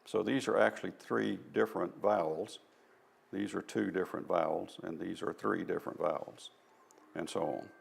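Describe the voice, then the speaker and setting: A man with a Southern US accent, from the American South, presents informally in a church hall. His voice sits low and sounds creaky and husky, keeping a steady tone at a moderate pace. He lays things out step by step, folksy and quick to poke fun at himself.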